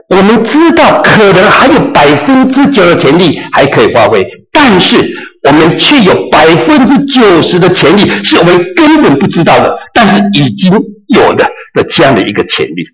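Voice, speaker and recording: A man's voice: sits high, huge pitch swings, brisk, fairly bright tone, poor audio. A man preaching a sermon as pastor, emphatic, sometimes acting out quotes and mixing in English phrases. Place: church in New Zealand.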